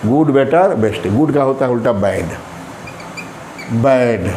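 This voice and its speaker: Slow, repetitive Hindi-speaking teacher. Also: male voice, mid-range voice, expressive, warm tone. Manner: slow, repeats and spells out words, stretches examples. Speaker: English teacher. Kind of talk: grammar lesson. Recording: echoey room with faint ambient noise.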